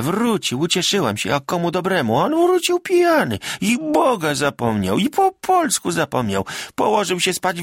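A man doing a shrill wailing peasant wife. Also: creaky, fairly bright tone, no echo, studio quality, full character voice. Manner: shrill, wailing, scolding lament. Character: shrill lamenting peasant wife, woman, middle-aged. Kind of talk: audiobook character voice.

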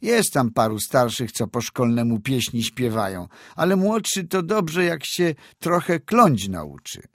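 A man's voice: mid-range voice, very animated, unhurried, a bit bright, dry recording, clean studio sound, voice pushed up, heavily acted. A man voicing a stubborn, complaining poor village boy in a read-aloud story. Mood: aggrieved. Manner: whiny, complaining rural talk.

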